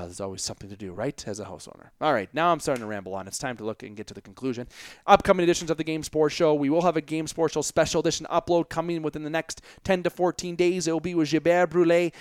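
A man's voice: mid-range voice, clear, resonant tone, dry recording, studio quality. A young man hosting a solo sports podcast, rambling and chatty, often breaking off and restarting his sentences. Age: young adult. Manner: rambling, chatty, self-interrupting. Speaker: podcast host.

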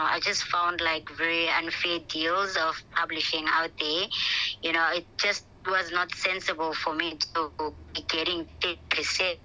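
A woman's voice: on the low side, pushed and bright. A woman author answering interview questions over a phone line while travelling on the road, often hesitating and repeating words as she searches for them. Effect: heard over a phone line. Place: in a moving vehicle on the road. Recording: phone call, voice breaks up and drifts from the mic.

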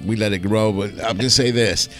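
A man's voice: fairly low pitch, fairly even intonation, moderate pace, fairly bright tone, soft background music. Chatty male fishing radio host. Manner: chatty, laughs easily, restarts sentences. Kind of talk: casual radio chat.

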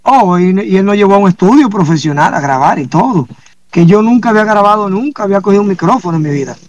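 A man with a fairly high voice tells his story in a casual interview. He acts out the dialogue he quotes with lively energy. The sound is dry and close. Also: fast, no echo, dull audio. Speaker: singer guest.

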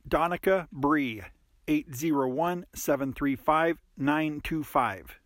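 A man voicing a weary, sarcastic elephant man-creature in an audiobook drama, with a flat, tired delivery. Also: on the high side, slow pace, no room sound, studio quality. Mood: plain.

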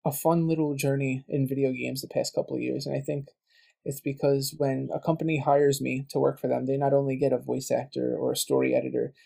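A man's voice: medium pitch, flat delivery, fairly quick, vocal fry, mellow. A man guesting on a podcast, chatting casually and telling stories full of quoted back-and-forth. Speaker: guest, game writer and voice actor.

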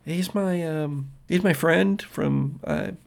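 Shy teen girl, stammering and hesitant, raised pitch, man voicing her. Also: slow pace, creaky, a little hiss or hum. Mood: sheepish. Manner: hesitant, full of ums. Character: nervous teenage girl, sheriff's daughter.

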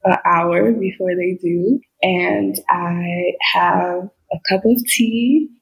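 Slow, creaky, and lowish with fairly even intonation, this middle-aged woman's voice comes through a low-quality recording. Born in Liberia and raised in the United States, she's a business coach guest in a casual interview, speaking earnestly and reflectively and saying "you know" often.

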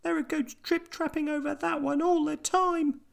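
Tiny timid mouse, storybook, shrill squeak, pleading. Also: male voice, flat delivery, moderate pace, creaky, exaggerated voice.

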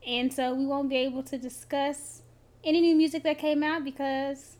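A woman with a high, bright-pitched voice co-hosts a casual podcast. She talks in an easygoing way and keeps prodding with teasing questions. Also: level tone, moderate pace. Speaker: podcast co-host. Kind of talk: casual chat.

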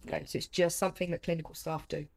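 A woman's voice: low voice, flat delivery, very fast, creaky, darkish tone. A British woman hosting a conversational interview in an empathetic, chatty, affirming way. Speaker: interviewer and host.

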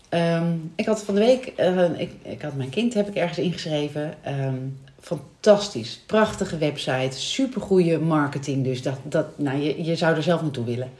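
A woman's voice: deep voice, dark tone, roomy sound. A woman in her forties, co-hosting a podcast in casual chat, chatty with many fillers and restarts. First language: Dutch. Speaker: podcast co-host.

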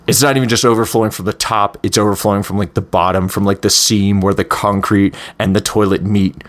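Low-voiced man telling stories casually. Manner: candid, conversational, many fillers and restarts. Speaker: podcast host. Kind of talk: first-person storytelling.

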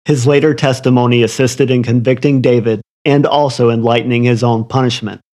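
A man's voice: mid-range voice, steady tone, a little fast, darkish tone. A man narrating a scripted true crime story in an ominous, literary storytelling manner. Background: music under the voice.

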